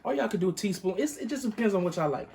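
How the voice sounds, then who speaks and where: A young man hosts a casual cooking video from his living room, a pot on a hot plate, chatting to viewers he calls "y'all" in a groggy just-woke-up voice. His voice sits high with lively intonation, very fast, gravelly yet a little mellow, with a bit of hiss or hum.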